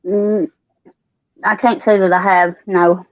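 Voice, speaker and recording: A woman's voice: fairly low pitch, level tone, takes it slowly, dull audio. A woman with an Appalachian accent giving blunt, folksy answers in a casual panel interview. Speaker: guest witness.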